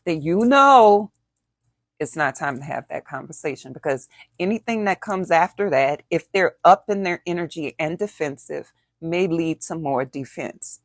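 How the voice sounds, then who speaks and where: A woman's voice: sits low, expressive, moderate pace, no echo, clean studio sound. A middle-aged woman teaching in a conversational way, acting out example phrases and asking rhetorical questions. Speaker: author and coach.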